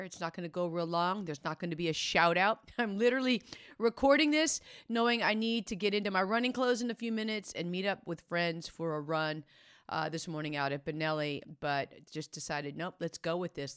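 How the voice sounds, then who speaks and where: Woman doing a chatty devo, low smooth voice, encouraging, chuckles here n there, dry sound. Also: a bit bright, dry recording. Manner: earnest, encouraging, conversational; reads scripture with rising intensity. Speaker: devotional podcast host. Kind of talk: informal devotional talk with scripture reading.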